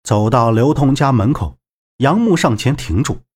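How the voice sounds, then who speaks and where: A man narrating a novel as an audiobook in an expressive storytelling manner. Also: medium pitch, moderate pace.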